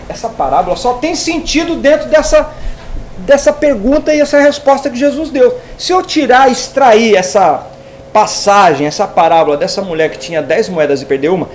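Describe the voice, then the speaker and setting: A man teaching a hermeneutics class, retelling a parable in an animated way and acting out the characters' lines. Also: sits high. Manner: animated storytelling, acts out dialogue with shifting voice. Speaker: Bible teacher. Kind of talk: informal theology class lecture. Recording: echoey room, voice from a distance, faint noise.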